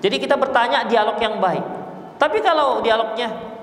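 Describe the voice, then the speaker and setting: A man from Indonesia with a Medan accent, preaching a sermon lesson and acting out loud prayers mockingly. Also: very high voice, normal speed. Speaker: Islamic preacher. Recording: echoey hall with long reverb.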